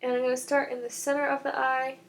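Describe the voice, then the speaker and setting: A woman's voice: high-pitched, level tone, fast talker. A young woman in her twenties, a beauty vlogger, chatting and explaining each step of her makeup in a rambling, self-mocking way.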